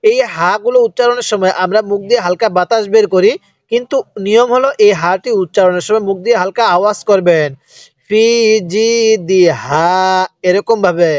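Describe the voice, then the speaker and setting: High-voiced male teacher spelling out syllables. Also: no room sound. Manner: spells out letters and syllables, then has the listener repeat after him; stretches recited words very slowly. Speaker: Quran reading teacher. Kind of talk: slow step-by-step recitation lesson. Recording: dry, dull lo-fi sound.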